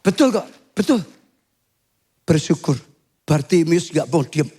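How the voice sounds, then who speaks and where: Older male pastor, high voice. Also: animated, unhurried, slightly rough. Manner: swings to high shouting when acting out cries. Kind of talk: sermon.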